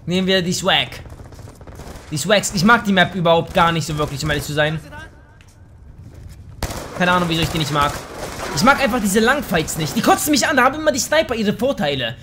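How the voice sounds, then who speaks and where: A young man giving live commentary over his shooter gameplay, excitable and slangy, often swearing in annoyance. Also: high-pitched, fairly quick, long pauses, slight background noise. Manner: slangy, says "Alter" a lot. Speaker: let's play gamer. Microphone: gaming microphone.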